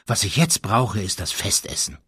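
A man voicing a restless, hungry teenage boy with an impatient, grumbling manner and a husky voice. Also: fairly low pitch, big pitch swings, moderate pace, pushed and bright, no echo, studio quality, heavily acted.

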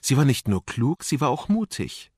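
Male audiobook narrator, expressive, husky, dry close sound. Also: medium pitch, normal speed, no echo. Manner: expressive storytelling.

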